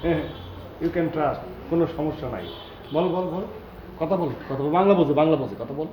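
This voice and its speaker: A man playing a hushed, pleading bachelor. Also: a little high, fairly quick, slight background noise, close to an everyday voice. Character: bachelor hero hiding a foreign guest, a young man. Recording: echoey, dull-sounding room.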